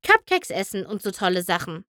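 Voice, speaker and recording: A woman voicing a bubbly, excitable young female pink pony in a storybook reading, raising her voice higher and louder. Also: fairly quick, dry recording, clean studio sound. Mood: eager. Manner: eager, chirpy, higher and louder than her narration.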